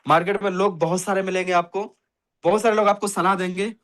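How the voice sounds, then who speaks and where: Man, high voice, motivational presenter, rhetorical tag questions, storytelling. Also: fairly even intonation, brisk, fairly bright tone. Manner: addresses listeners as friends, rhetorical tag questions. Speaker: business presenter. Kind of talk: motivational talk with a fable.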